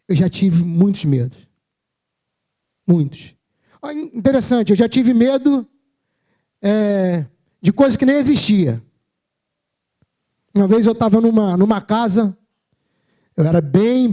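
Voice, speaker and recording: High-voiced Brazilian man preaching. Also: warm tone. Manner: humorous, self-mocking, conversational. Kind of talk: sermon with personal storytelling. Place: church service.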